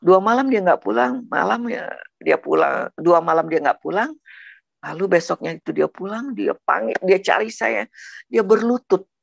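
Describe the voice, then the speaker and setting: Middle-aged woman, earnest testimony teller, very gravelly voice, voices the dialogue she recalls, dry close sound. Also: medium pitch, animated, normal speed, dry recording, lo-fi sound. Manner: earnest, keeps addressing listeners as brothers and sisters; acts out quoted dialogue. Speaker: woman giving a conversion testimony. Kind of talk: personal testimony storytelling.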